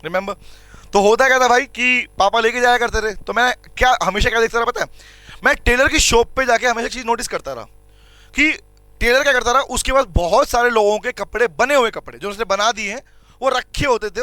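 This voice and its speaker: A man's voice: high voice, bright, forceful tone, no echo. A man teaching commerce law in a classroom lecture, explaining with everyday examples, questioning his students and repeating key points. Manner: addresses students as beta and bhai, repeats points; reads English legal lines slowly and deliberately.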